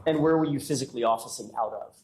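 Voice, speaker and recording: A male defense attorney in a courtroom recording, pressing a witness with rapid-fire cross-examination questions. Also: medium pitch, darkish tone. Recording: echoey courtroom audio, faint noise.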